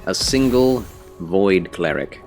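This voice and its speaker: Low, scratchy-voiced man chatting on stream. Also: expressive, slow pace, creaky, darkish tone, faint music behind. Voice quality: scratchy, phlegmy voice. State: tired, under the weather. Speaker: game streamer chatting with viewers. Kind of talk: casual livestream chat with game commentary.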